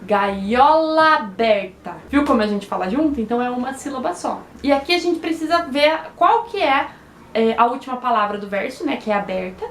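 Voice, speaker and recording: Professora brasileira de voz aguda. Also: female voice, high-pitched, expressive, reverberant, a little hiss or hum. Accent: Brazilian Portuguese. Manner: slow, syllable-by-syllable explanations with frequent "né?". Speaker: teacher. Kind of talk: online lesson for children.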